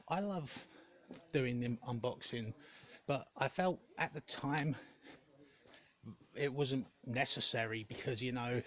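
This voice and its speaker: A man giving a casual, rambling vlog update in a hesitant, halting way, often correcting himself. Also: medium pitch, a bit bright. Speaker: gaming content creator.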